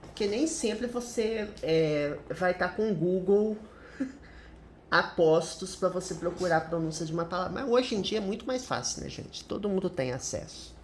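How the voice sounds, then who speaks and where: A woman's voice: on the low side, animated, moderate pace, slight background noise. A middle-aged woman with a Brazilian Portuguese accent teaching English through a commented reading, explaining each point and often ending with a tag question.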